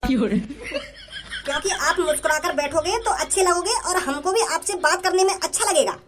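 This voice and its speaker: A woman voicing a stern, prim female job interviewer in a cartoon, scolding in a slow and deliberate way. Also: extremely high pitch, a bit bright, a little hiss or hum. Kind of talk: cartoon voice acting.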